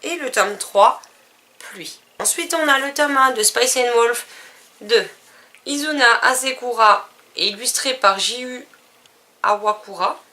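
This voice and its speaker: Lady reading off her book pile, bright voice, lots of euhs and little corrections. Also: fairly high pitch, unhurried. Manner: lists titles and publishers, self-correcting with fillers. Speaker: book vlogger. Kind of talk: casual book haul vlog.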